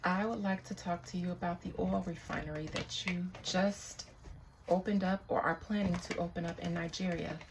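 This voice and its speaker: A woman's voice: lowish voice, steady tone, normal speed, noisy background. A woman who is a spiritual reader, leading a ritual reading in an incantatory, repetitive voice that drops into whispers.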